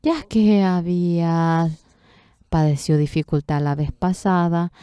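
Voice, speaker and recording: A woman interprets a sermon, telling a story in an earnest, unhurried way with emotional swells. Her voice is low-pitched and smooth. The sound is dry and close. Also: dark tone, no room sound.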